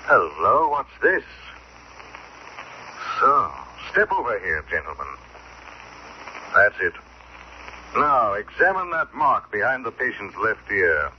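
An actor playing a stern, mocking, shadowy crime-fighter in 1940s radio mystery style, theatrical, menacing and precise. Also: male voice, fairly low pitch, big pitch swings, slow pace, pauses often. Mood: stern, taunting. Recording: muffled, noisy old radio recording.

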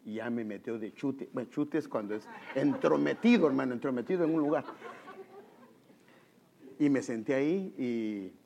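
A man with a mid-range voice and vocal fry preaches an animated sermon at a moderate pace, telling stories and repeatedly calling his congregation "brother." The sound is lo-fi.

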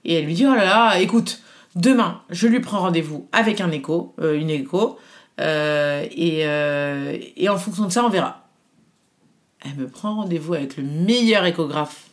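A woman in her thirties telling a personal story in casual chat, animated and full of fillers, often quoting what others said. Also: low-pitched, moderate pace.

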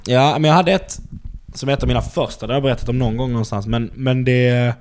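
Man, stand-up comedian, casual podcast storytelling, lively, acts out quotes, mid pitch. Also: slight background noise. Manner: lively anecdote-telling, acts out quoted people.

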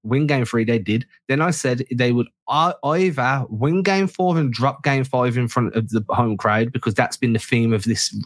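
A man co-hosting a basketball podcast, breaking down the game with quick joking asides. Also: medium pitch, dry recording. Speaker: podcast co-host. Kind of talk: casual sports chat.

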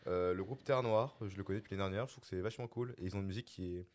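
A man's voice: low-pitched, racing, darkish tone. A young man as a podcast guest, chatting in an offhand, jokey way. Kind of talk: casual podcast chat.

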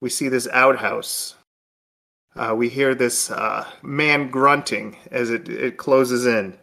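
A man talks loosely on a podcast, spinning his ideas into animated little stories. His voice is bright and tense-edged. He leans on plenty of "like" and "um" as he goes. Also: mid-range voice, slow, gravelly. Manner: animated storyteller, lots of "like" and "um". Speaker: podcast co-host. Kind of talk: casual chat.

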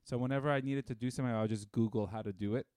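A man's voice: mid-range voice, very fast, clear, resonant tone, no echo, studio quality. Chatty man in his thirties. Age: 30s. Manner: animated storyteller with many fillers. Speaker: podcast guest. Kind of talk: casual chat.

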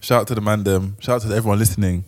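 A man with a London accent co-hosting a podcast in relaxed, slangy conversation. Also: on the low side, racing. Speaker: podcast co-host. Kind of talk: casual chat.

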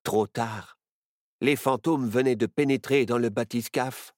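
A man narrating a children's story with an expressive, animated reading. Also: medium pitch, moderate pace, no room sound, clean studio sound.

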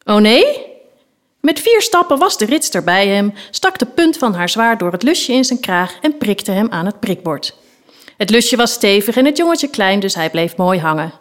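A woman, the author of a children's book, reading a story from it aloud in a lively storytelling manner. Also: mid-range voice, normal speed.

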